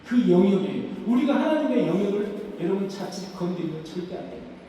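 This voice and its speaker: A man's voice: sits high, very animated, fairly quick, mellow, distant mic. A male pastor preaching a sermon, quoting scripture and acting out an accuser's harsh words. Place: church sanctuary. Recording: echoey church hall, mic from afar, faint noise.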